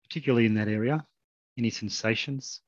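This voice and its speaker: Calm man guiding a meditation. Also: medium pitch, dry recording, muffled recording. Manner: slow, soft, calm, with long pauses. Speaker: meditation guide. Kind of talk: guided meditation.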